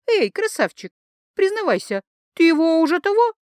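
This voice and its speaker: A woman voicing a tipsy, bold young woman who teases loudly and slurs her words. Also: big pitch swings, moderate pace, no echo, clean studio sound. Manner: slurred, giggly, high-pitched chatter.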